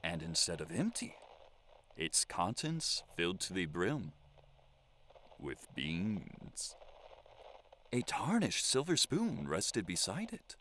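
An eccentric, lonely survivor hosts his own radio show , played by a man. His low voice swoops wildly up and down as he drawls in a flowery, mock-formal, theatrical manner. He savors every slow word. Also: huge pitch swings, sharp tone, a little hiss or hum, full character voice. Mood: whimsical. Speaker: lone radio broadcaster. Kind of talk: audio drama monologue.

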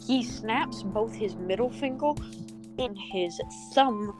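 A woman's voice: fairly high pitch, slow, over music. A woman narrating as dungeon master, often stopping and restarting her lines. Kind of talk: narrating a tabletop game.

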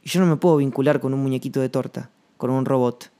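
Mellow rambling Rioplatense man. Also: mid-range voice, steady tone. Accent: Rioplatense Spanish. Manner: rambling, slangy, thinking aloud with pauses. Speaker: podcast host. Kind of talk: reflective solo monologue.

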